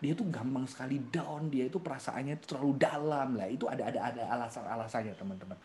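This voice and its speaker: Male speaker, 30s to 40s, mid-pitched voice, lively seminar delivery with frequent laughter. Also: fast, a little hiss or hum. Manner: animated, laughs often, acts out quotes. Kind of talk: seminar talk answering youth questions.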